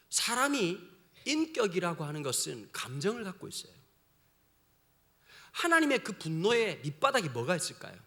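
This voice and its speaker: A male pastor delivering a sermon in a playful, colloquial manner, tossing questions at his listeners. His voice is strikingly high and bright, swinging widely in pitch as he talks. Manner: humorous, slangy, asks the congregation questions.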